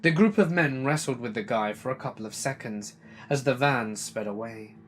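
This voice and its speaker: A man narrating a first-person scary story in an earnest, steady way, over faint music. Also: medium pitch, moderate pace, slight background noise.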